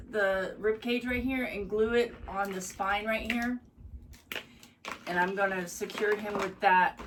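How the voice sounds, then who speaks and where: A woman's voice: medium pitch, distant mic, a little hiss or hum. Chatty, upbeat woman demonstrating a craft. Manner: chatty and upbeat, gushing over how cute things are. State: slightly hoarse. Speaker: craft tutorial host.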